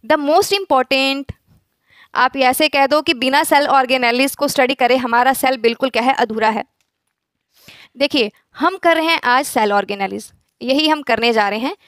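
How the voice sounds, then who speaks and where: Teacher, woman, high voice, dry close sound, quizzes herself as she explains. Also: moderate pace, a bit bright, smooth, no room sound. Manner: asks rhetorical questions and answers them herself; mixes English phrases into speech. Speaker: biology teacher. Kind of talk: classroom lecture.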